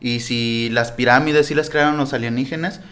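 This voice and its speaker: A man's voice: mid-range voice, steady tone, moderate pace, a bit bright. A young man with a Mexican accent, animatedly telling a story in slangy casual chat, laughing as he goes. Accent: Mexican Spanish. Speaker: storyteller in a group podcast.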